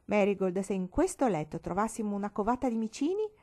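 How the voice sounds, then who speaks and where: Una donna che legge dà voce a una bambina prepotente e sfacciata, con tono canzonatorio e saccente. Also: female voice, medium pitch, sing-song, quick pace, warm tone, close to an everyday voice. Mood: bossy. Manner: teasing, self-important. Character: bossy cheeky little girl. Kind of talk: audiobook reading.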